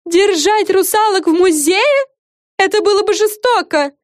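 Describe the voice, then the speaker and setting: A woman reading an audiobook, voicing a bossy, excitable fairy girl who hosts a show, talking in emphatic exclamations. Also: very high-pitched, normal speed, dry recording, studio quality, pitched above the performer's own voice.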